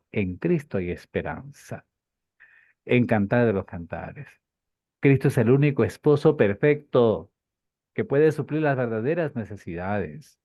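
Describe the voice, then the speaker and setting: A man teaching a Bible class, lively and rhetorical, with lots of repeated phrases and questions to his students. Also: on the low side, no room sound. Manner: animated, rhetorical questions and repetition. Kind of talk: class lecture. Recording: dull lo-fi dry recording.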